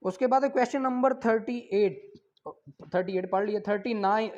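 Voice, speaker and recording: In an online law class, a man with a Pakistani accent slowly reads questions in English, explains them in Urdu, and calls on students by name in a brisk, encouraging way. His voice sits high with a darkish tone, and the audio is dull.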